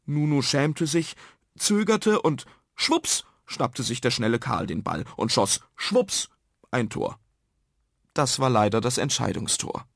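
Gravelly male storyteller. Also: mid-range voice, slow, dry recording, clean studio sound. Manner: lively, expressive reading. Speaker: narrator. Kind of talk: scripted bedtime story narration.

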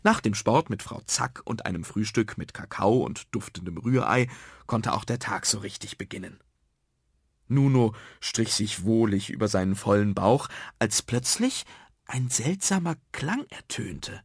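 A man narrating a children's story in a lively, expressive storytelling manner. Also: lowish voice, measured pace, husky, no echo, studio quality.

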